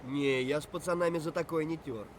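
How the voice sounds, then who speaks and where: A man's voice: fairly high pitch, fairly even intonation, fast, slight background noise, natural voice. An actor playing a boisterous, crude male scavenger thug in a video game, with brash, swaggering lines. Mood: rowdy.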